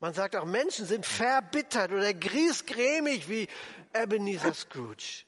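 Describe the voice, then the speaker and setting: Male preacher, fairly high voice, church reverb, lively sermon delivery. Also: a little slow, breathy edge. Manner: animated, acts out quoted voices, drops low for emphasis.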